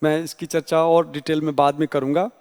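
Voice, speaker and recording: Male tutor, high voice, patient explanatory lecture style, reverberant room. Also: little pitch movement, a little mellow. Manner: explanatory, spells out letters slowly. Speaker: teacher. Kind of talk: exam-prep Hindi grammar lecture.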